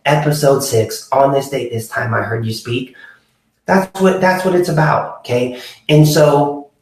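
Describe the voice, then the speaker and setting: A man's voice: medium pitch, unhurried. A man in his forties hosting a motivational podcast, talking earnestly to viewers, with many fillers and restarts. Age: 40s. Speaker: podcast host. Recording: very echoey room.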